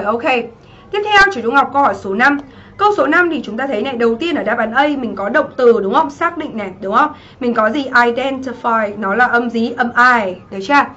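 A woman English teacher from Vietnam going over exam answers in a livestream, lively and often checking that students follow. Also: fairly high pitch, muffled recording. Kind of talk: livestream exam review lesson.

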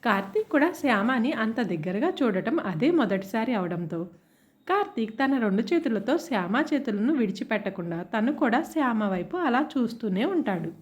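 A woman narrating a romantic family story in an expressive storytelling manner. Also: a little high, moderate pace.

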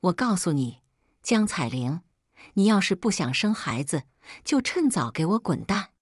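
A woman's voice: fairly low pitch, very animated, measured pace, slightly rough, dry recording, clean studio sound, heavily acted. A woman voicing a domineering older mother-in-law who scolds and sneers in a sarcastic, cutting way. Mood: berating.

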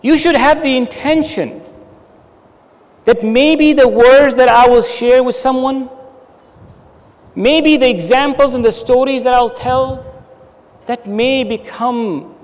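High-voiced man preaching a sermon. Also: takes it slowly, long pauses, big-room sound. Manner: earnest, emphatic exhortation with hand gestures. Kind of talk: Friday sermon. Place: dark stage with curtain backdrop. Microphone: stand mic at the lectern.

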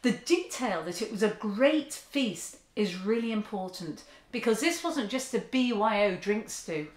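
A woman's voice: mid-range voice, unhurried. A woman, giving an earnest sermon to camera from a sofa in her living room. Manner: earnest, expressive, with open hand gestures. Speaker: church speaker. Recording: echoey room.

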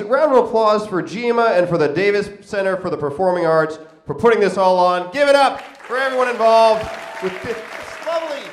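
A man in his thirties doing a punchy, joking stand-up monologue into a handheld microphone on a theater stage. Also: high voice. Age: 30s. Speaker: stand-up comic hosting a show. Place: large indoor theater stage. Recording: echoey theater PA, faint crowd. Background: faint audience.

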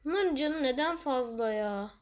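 High-pitched, excitable woman game commentator. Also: normal speed. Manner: excitable, playful, swings to loud outbursts. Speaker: gaming channel host. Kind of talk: gameplay commentary.

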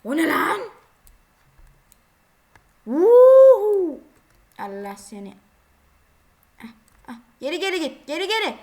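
High-voiced chatty woman playing a game. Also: sing-song, moderate pace, creaky, long pauses, a bit bright. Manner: chatty, exclaiming at the game, scolding other drivers. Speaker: gaming video creator. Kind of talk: casual gameplay commentary.

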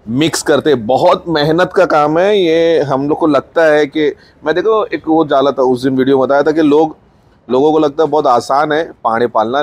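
A man with a Mumbai Hindi accent gives a chatty walkthrough of his farm, filmed on a handheld phone, pointing things out as he goes. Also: mid-range voice. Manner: chatty, points things out, mixes in English words. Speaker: farm owner filming his buffalo feeding. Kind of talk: casual walkthrough vlog narration. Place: outdoor farm sheds.

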